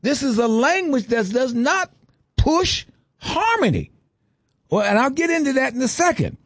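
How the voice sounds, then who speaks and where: A man's voice: extremely high pitch, very animated, measured pace, dry recording, clean studio sound. A man giving an impassioned lecture, stressing lists and asking rhetorical questions.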